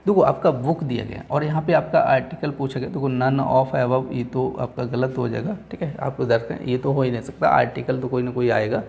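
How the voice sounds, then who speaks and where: Gravelly guy teacher going over exam questions, keeps repeating answers. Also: medium pitch, steady tone, a little mellow. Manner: repeats answers with "ठीक है", reads questions slowly. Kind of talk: exam-prep lesson. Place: coaching classroom.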